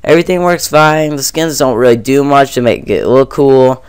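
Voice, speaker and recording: A young man talks through a computer game mod tutorial in an offhand, rambling way, full of fillers. He has a head cold that leaves him stuffy, though his voice stays smooth. The recording is dry and close, from a computer mic. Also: mid-range voice, moderate pace, no room sound. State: congested with a cold. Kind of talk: casual screen-recorded tutorial. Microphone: computer mic on a screen recording.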